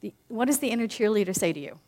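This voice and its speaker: A woman leads a group through a guided reflection in a live spiritual talk. Her voice sits at an ordinary middle pitch. She moves between emphatic, lifted phrases and quiet, hushed questions. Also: expressive, very fast. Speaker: spiritual speaker leading a group.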